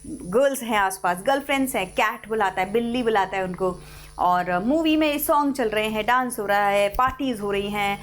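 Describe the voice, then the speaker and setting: A woman teaching an online class, explaining a story in Hindi and reading the English lines out slowly and deliberately. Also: mid-range voice.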